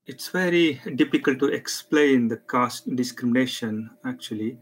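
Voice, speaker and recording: A man from India, giving halting, earnest interview answers. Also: mid-range voice, breathy edge, low-quality recording. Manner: halting, earnest explaining with fillers. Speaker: charity guest.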